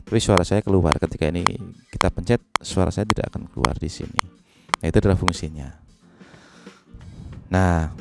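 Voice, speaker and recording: A man walks through recording software in a relaxed, step-by-step way, pausing on little fillers. His voice sits low and mellow. It is recorded on a studio microphone in a home setup, with faint music behind. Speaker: music production tutor. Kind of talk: software tutorial. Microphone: studio microphone into a sound card.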